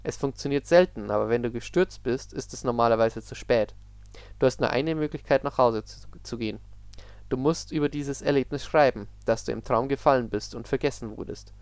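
A weary, sorrowful spirit of the dream realm speaks in a soft, subdued voice, as a man reading the story puts him on. The voice sits at an ordinary middle pitch. The recording is dry and close. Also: a little fast, clear, resonant tone, no echo, natural voice. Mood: somber. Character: sad weary otherworldly male dream being.

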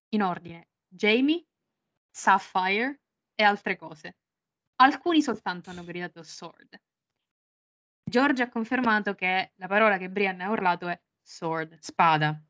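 A woman co-hosting a casual book chat, her voice at an ordinary middle pitch. She reads passages aloud with flair, then breaks off to joke and swear freely. The sound is dull and dry. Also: a bit bright, dry recording. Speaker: podcast co-host.

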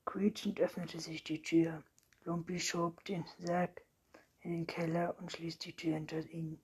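A woman with a very breathy voice narrating a children's storybook in a soft, half-whispered reading. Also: lowish voice, flat delivery, unhurried, low-quality recording. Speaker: audiobook narrator.

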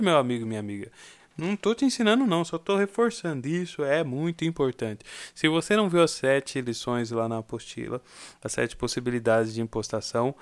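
Chatty Brazilian man teaching singing. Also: on the high side. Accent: Brazilian Portuguese. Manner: chatty, sings short demo phrases. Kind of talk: casual online singing lesson.

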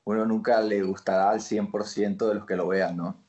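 A man's voice: fairly low pitch, brisk, roomy sound. A man from Barranquilla with a Colombian Caribbean accent, an actor guest telling stories in casual interview chat. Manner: animated storyteller, laughs while acting out lines.

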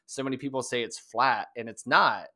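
A man from Ohio hosts a running podcast in a relaxed, conversational way. His voice is middle-pitched, and he often stops and restarts his questions mid-thought. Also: normal speed. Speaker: podcast host. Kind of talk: casual interview.

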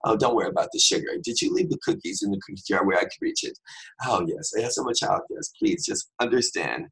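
Guy doing a fake-sweet little kid, pleading all innocent, low gravelly voice. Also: expressive, quick pace, fairly bright tone, exaggerated voice, rough recording. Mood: mock-innocent. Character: small boy claiming to be well behaved.

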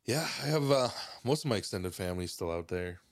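A man from Mexico, a podcast guest, talking in a relaxed, rambling way with lots of fillers and restarts. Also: sits low, a little fast, dry recording, studio quality. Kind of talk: casual podcast chat.

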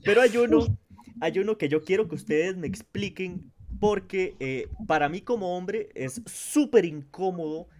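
A man with a Costa Rican accent hosting a casual podcast chat, talking animatedly and acting out grunts and shouts. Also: high-pitched, expressive, measured pace. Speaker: podcast host.

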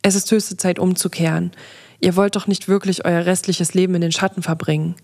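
A woman's voice: fairly low pitch, steady tone, brisk, darkish tone. A woman reading the lines of an earnest young man, firm and pleading, in an audio story. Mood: urging. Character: earnest young male wizard.

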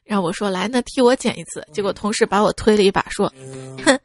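A woman host reading listener jokes aloud, laughing at her own lines and jumping her voice up to act out the people in each joke. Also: quick pace. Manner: lively, acts out quoted speakers with jumps in pitch. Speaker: radio-style joke show host. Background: faint background music.

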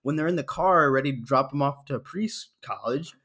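A man in casual chat with a friend, tearing into a bad film. He talks in a loose, mocking way with lots of fillers and suddenly acts out scenes with loud screams. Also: medium pitch, moderate pace, breathy edge. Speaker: podcast co-host reviewing a movie.

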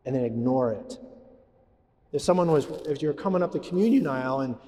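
A man's voice: medium pitch, animated, brisk, mellow. A man, a priest, giving a homily in a conversational way, often asking the congregation questions. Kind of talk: sermon. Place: church. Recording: long church reverb.

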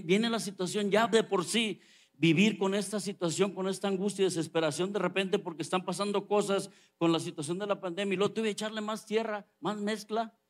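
Man preaching, high voice. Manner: conversational, joking with the congregation. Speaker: pastor. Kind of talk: sermon.

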